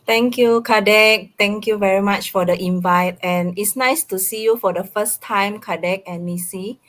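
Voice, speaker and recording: A middle-aged Indonesian woman with an Indonesian accent and a mid-range voice speaks haltingly as a guest in a casual live online talk.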